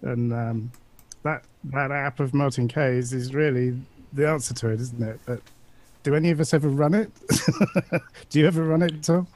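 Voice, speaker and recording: A man's voice: mid-range voice, normal speed, a little mellow. A man hosting a casual panel chat, talking in a chatty, questioning way. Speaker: show host.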